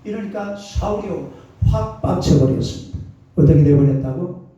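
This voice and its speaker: A man preaching a sermon as pastor, lively and colloquial, constantly prompting the congregation to answer. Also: fairly high pitch, moderate pace. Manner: animated call-and-response preaching, colloquial and emphatic. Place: church sanctuary. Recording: distant, echoey, dull church recording.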